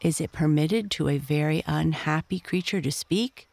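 A storyteller voicing a timid, curious little dragonfly grub in a bedtime story, speaking politely and quietly. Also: medium pitch, moderate pace, gravelly, close to an everyday voice. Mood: earnest. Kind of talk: storybook character voice.

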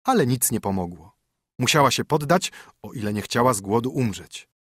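A man narrating a fairy tale audiobook in a measured storytelling manner, close to a studio microphone. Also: mid-range voice, animated, husky, no room sound.

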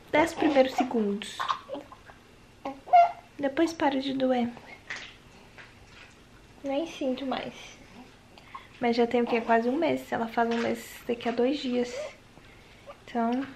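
A young woman vlogging casually at home, chatting and talking softly to her new baby. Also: high-pitched, slight background noise. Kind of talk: casual home vlog chat. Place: home kitchen.

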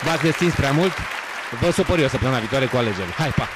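A man's voice: mid-range voice, expressive, over a noisy crowd, heavy background noise. A male comedy host telling jokes and bantering straight at the audience. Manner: bantering, addresses the audience directly. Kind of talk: stand-up joke telling.

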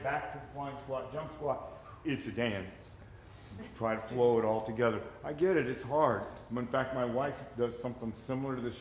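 Upbeat man coaching a gym class. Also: medium pitch. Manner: upbeat encouraging cues, laughs often. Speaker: fitness instructor. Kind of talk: coaching a live group class. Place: echoey gym with a group. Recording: echoey gym room, loud background noise.

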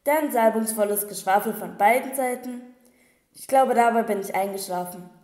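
A woman's voice: on the high side, normal speed, a little mellow, close to an everyday voice. A woman voicing a cheeky little male gargoyle demon in an audiobook, talking in a mocking, gossipy way. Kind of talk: audiobook reading. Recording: echoey room with long reverb.

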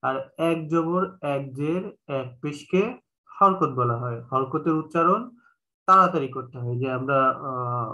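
A man with a Bangladeshi Bengali accent, teaching an online class in a patient way, repeating each point slowly with many filler sounds. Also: on the high side, bright, forceful tone, low-quality recording. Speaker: Quran reading teacher. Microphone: online call.

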